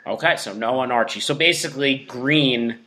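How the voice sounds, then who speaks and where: A man's voice: medium pitch, moderate pace, bright, forceful tone, a little hiss or hum. A man co-hosting a casual podcast chat, opinionated and teasing. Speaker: podcast co-host.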